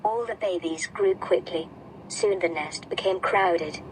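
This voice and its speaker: A woman's voice: lowish voice, unhurried. A woman narrating a scripted children's story in a dramatic storytelling manner, with noise in the recording. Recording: clear background noise.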